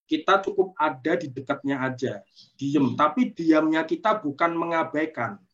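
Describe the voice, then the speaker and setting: A man's voice: on the high side, animated, moderate pace, fairly bright tone, dull audio. A man giving a webinar talk on parenting, explaining patiently and often checking in with short tags like "you see". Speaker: parenting speaker. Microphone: video call.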